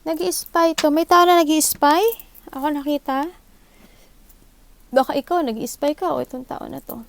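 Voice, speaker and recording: Filipino-accented woman, tarot reader, high voice, gravelly fry, thinking aloud, short tag questions. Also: fairly even intonation, moderate pace, slight background noise. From Philippines. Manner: thinks aloud, mixes English into Tagalog, asks for agreement with short tag questions. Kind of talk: live tarot card reading. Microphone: own microphone.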